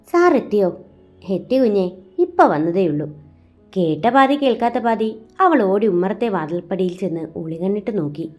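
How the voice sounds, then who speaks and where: A woman narrating a romantic story in an expressive storytelling style. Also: medium pitch.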